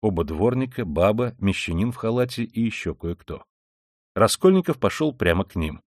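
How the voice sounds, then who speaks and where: A man reading a classic novel aloud as an audiobook narrator, in measured, even storytelling. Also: on the low side, no room sound, clean studio sound. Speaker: audiobook reader. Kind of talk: scripted narration.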